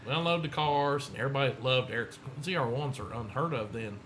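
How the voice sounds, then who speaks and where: A man's voice: medium pitch, fast, a bit bright, a little hiss or hum. A man telling rambling racing stories in a casual chat and acting out what other people said. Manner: rambling storyteller, acts out other people's lines. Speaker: guest.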